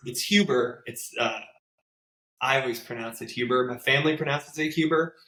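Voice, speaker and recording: Bright-voiced thirtysomething guest from North Jersey. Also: male voice, mid-range voice, steady tone, moderate pace, echoey room, poor audio. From North Jersey, USA. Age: 30s. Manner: easygoing, laughs often, stammers a little. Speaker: podcast guest, drummer. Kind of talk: casual interview chat.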